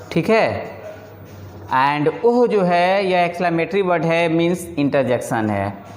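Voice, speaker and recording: A man teaching a grammar lesson in a classroom, explaining step by step and often checking in with his students. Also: high voice. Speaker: English teacher. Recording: echoey room with long reverb.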